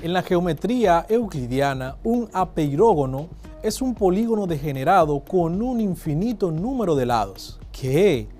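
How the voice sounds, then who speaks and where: A man's voice: high-pitched, very animated, moderate pace. A man teacher giving a scripted lesson and asking the student rhetorical questions. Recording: faint background music.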